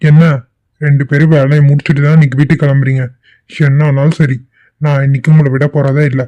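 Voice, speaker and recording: A man's voice: a little high, level tone, fast, lightly acted. A man voicing a strict, scolding male boss in a cartoon, who talks in a stern, bossy way. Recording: dull lo-fi dry recording.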